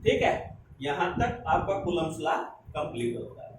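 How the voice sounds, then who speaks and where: A man teaching a physics lesson with an Indian accent, mixing Hindi and English, dictating slowly and asking students quick check questions. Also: a little high, very animated. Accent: Hindi-English mix, Indian. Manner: addresses students as "beta", asks rhetorical check questions. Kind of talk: classroom lecture, dictating notes slowly. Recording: distant echoey classroom with noise.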